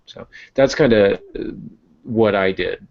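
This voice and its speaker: A novelist chats casually on a podcast about writing, explaining and thinking aloud in a lowish, creaky voice at a measured pace. The podcast audio is dull and lo-fi.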